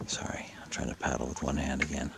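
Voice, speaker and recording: With a bass voice full of vocal fry, a vlogger hunting a lake monster talks fast to the camera while paddling his kayak by a rocky shore. He's excited, often dropping to a whisper as he narrates casually in first person. The outdoor camera recording is full of water and paddle noise.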